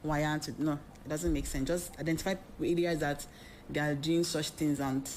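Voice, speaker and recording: A woman's voice: low-pitched, steady tone, normal speed, darkish tone, slight background noise. A woman guest explaining on a talk show, emphatic and fond of rhetorical questions. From Nigeria. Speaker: expert guest.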